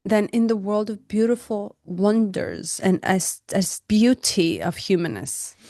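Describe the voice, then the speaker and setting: A woman co-hosting a reflective spiritual podcast, speaking English as a second language, passionate and animated, laughing often. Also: mid-range voice, measured pace, no echo, clean studio sound. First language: not English. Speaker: podcast co-host. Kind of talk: casual reflective conversation.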